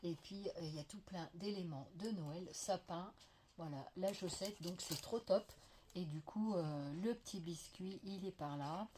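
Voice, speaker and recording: A woman's voice: lowish voice, a little slow, dark tone, slight background noise. A French woman vlogging a crafting haul, chatting and gushing with many fillers, her voice slightly veiled from a lingering cough. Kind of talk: casual show-and-tell haul. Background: faint clatter of dishes.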